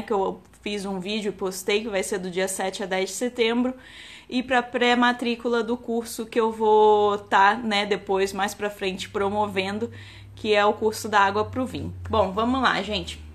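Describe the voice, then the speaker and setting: Speaking at a normal speed in a steady, mid-range voice, this Carioca enologist in her thirties from Rio de Janeiro, Brazil talks casually on a live stream. Her chatty speech is full of "né" and "tá" fillers, and she often restarts sentences.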